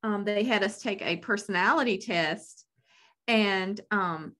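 A woman's voice: medium pitch, measured pace, fairly bright tone. A woman co-hosting a podcast in casual conversation, with a blunt, wry way of talking. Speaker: podcast co-host. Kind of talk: casual chat.

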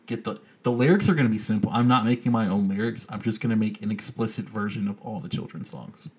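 A man's voice: lowish voice, quick pace, a little mellow. Crude joking male podcast host. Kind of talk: casual podcast chat.

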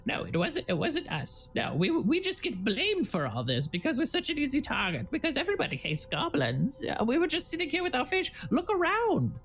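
A man's voice: very high voice, huge pitch swings, brisk, few pauses, a bit bright, soft background music, pitched above the performer's own voice, exaggerated voice. Man putting on a stammering, frightened goblin. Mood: pleading. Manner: stammering, pleading, nervous. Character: timid frightened male goblin survivor. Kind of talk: tabletop role-play voice.

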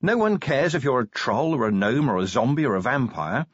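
A man voicing a young woman sergeant who is a werewolf, talking bluntly and briskly in an audiobook reading. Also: medium pitch, sing-song, slightly rough, no echo, voice pushed up. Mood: brusque. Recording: dry, slightly dull audiobook recording.

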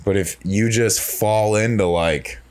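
Brief: male podcast host, lower pitch, casual and rambling. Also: takes it slowly, darkish tone. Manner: rambling, reflective, many restarts. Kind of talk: casual chat.

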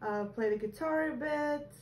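Bubbly high-voiced young woman. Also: normal speed, a little mellow, roomy sound, slight background noise, poor audio. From Latvia. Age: young adult. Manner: teasing, bubbly. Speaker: podcast co-host. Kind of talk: casual chat.

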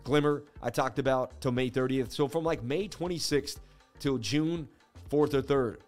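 A man's voice: medium pitch, moderate pace, darkish tone, soft background music. A man hosting a crypto trading channel, giving casual screen-share market commentary in a slangy, boastful way with repeated catchphrases.

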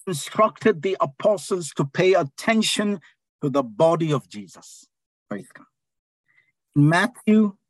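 A man with a fairly high voice preaches in a call-and-response style, calling out phrases for the congregation to repeat. He draws out key words for emphasis, and the recording is dry.

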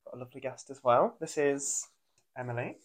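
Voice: mid-range voice, brisk. Young adult host, Durham accent, North East English, casual interview chat, informal, loosely phrased. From Durham, England. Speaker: podcast host. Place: living room.

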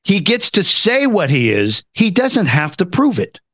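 Male American talk host, fairly high and animated, dry close sound, sarcastic exasperated political ranting. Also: a little slow, no echo. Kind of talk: casual political commentary.

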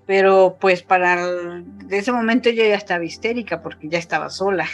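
A woman's voice: on the low side, a little fast, soft background music. A woman in her fifties with a Mexican accent, a guest telling an emotional personal story in a casual interview, her voice rising when she quotes others. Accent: Mexican Spanish. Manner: emotional retelling, voice rising when quoting others, frequent fillers.

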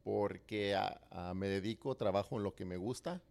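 A man's voice: lowish voice, normal speed, vocal fry, a little mellow. A man in his thirties, born in Mexico, chatting casually on a podcast with many fillers and hesitations. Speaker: podcast co-host. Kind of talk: casual conversation.

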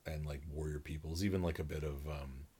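Co-hosting a podcast, a North American man rambles through casual conversation with enthusiasm and plenty of fillers. His very deep voice is mellow and steady with a breathy edge, and he talks fairly quickly.

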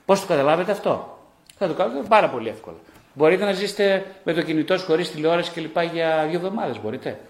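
Animated man with echoey sound. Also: a little high. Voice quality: lively, speaks in short repeated phrases with rhetorical questions. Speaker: psychologist and psychotherapist, author. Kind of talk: live talk to an audience. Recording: echoey room.

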